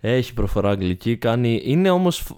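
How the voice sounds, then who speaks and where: A man co-hosting a comedy podcast, speaking matter-of-factly and chiming in with quick agreements. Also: medium pitch, big pitch swings, a little mellow, smooth. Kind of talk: casual chat.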